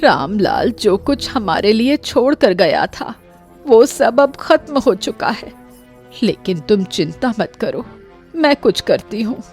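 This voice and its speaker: A woman voicing a grieving older village mother in an animated story, pleading and emotional, turning to anger when wronged. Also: medium pitch, slow, faint music behind. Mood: grieving, defiant.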